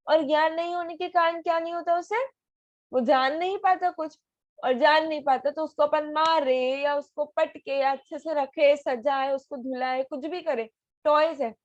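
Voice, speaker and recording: High voiced lady teacher on a video call, keeps asking the kids questions, muffled dry sound. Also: no room sound. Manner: patient, asks many questions. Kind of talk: online class for children.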